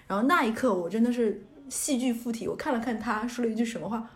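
A woman's voice: a little high, fast. A young woman radio host telling a funny story in casual chat, laughing often at herself.

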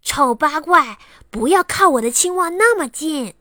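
A woman voicing a rude, bad-tempered schoolboy who shouts insults in a children's storybook. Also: high-pitched, lively intonation, measured pace, no echo, clean studio sound, voice pushed up, heavily acted. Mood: nasty.

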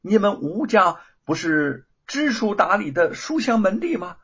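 A man's voice: sing-song, slow pace, gravelly, slightly rough, lo-fi sound, exaggerated voice. A man voicing a scheming, mocking villainous woman in a told story, stammering when frightened. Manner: mocking, shrill denials, stammers when scared. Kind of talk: storybook character voice.

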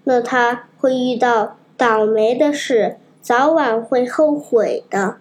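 A woman reading a storybook, voicing a wise old talking cicada who lectures calmly. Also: fairly high pitch, takes it slowly. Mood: calm, admonishing. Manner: calm, lecturing.

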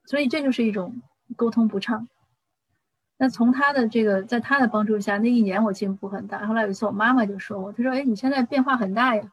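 Husky-voiced woman giving parenting advice. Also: fairly high pitch, fairly even intonation, fast talker, no room sound, low-quality recording. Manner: conversational, with frequent restarts and anecdotes. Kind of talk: casual advice talk.

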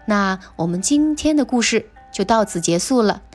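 A woman storyteller reading a children's picture book aloud, gentle and clear in her manner. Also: medium pitch, expressive, normal speed, soft background music.

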